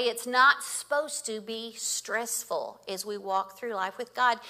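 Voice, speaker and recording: Bright-voiced woman in her fifties. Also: a little high. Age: 50s. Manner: animated storytelling with laughter. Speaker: guest speaker. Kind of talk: sermon.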